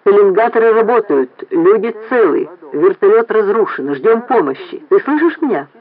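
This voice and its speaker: Guy doing a hoarse out-of-breath stranded leader, high strained voice, tinny phone sound. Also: big pitch swings, normal speed. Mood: urgent. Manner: urgent, repeating himself over the radio link. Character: breathless hoarse male expedition leader calling for help.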